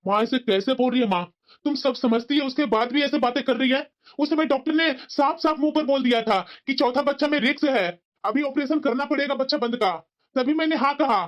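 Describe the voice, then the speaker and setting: A woman's voice: high-pitched, a little fast, dull audio, natural voice. A woman voicing a caring young husband and son in a cartoon, who argues back in an earnest, reasoning tone. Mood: arguing.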